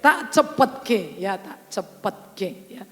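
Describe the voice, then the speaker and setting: A middle-aged woman pastor, preaching a sermon and moving between soft asides and loud exhortations. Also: fairly high pitch, animated, a little slow. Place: large church hall. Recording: live church hall with reverb and music behind.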